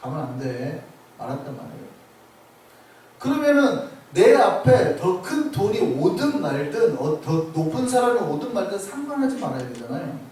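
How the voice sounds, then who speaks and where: A male pastor preaches with emphasis, often putting questions to his listeners. His voice sits a little high and moves a great deal. The sound is heavily echoey and picked up from far off, with faint noise underneath. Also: big pitch swings, normal speed, a little mellow. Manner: emphatic, asks the congregation questions. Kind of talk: sermon. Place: church sanctuary. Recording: echoey church sanctuary from far off.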